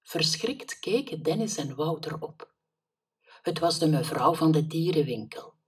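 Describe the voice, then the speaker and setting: A woman reading a children's story aloud in a calm, steady storytelling manner. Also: low voice, measured pace, husky. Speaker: narrator. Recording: voice somewhat distant from mic.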